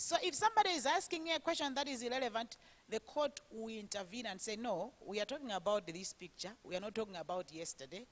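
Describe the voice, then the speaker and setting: A woman's voice: a little high, fairly bright tone. A woman on a conference panel who firmly explains how courts treat evidence and witnesses. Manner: firm and explanatory. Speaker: legal expert on a panel. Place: conference hall. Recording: long hall reverb.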